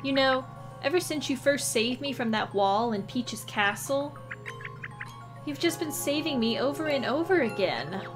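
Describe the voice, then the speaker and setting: A woman's voice: high voice, lively intonation, measured pace, music in the background, pitched above the performer's own voice. A woman voicing a sweet, earnest young origami girl in a video game. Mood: grateful.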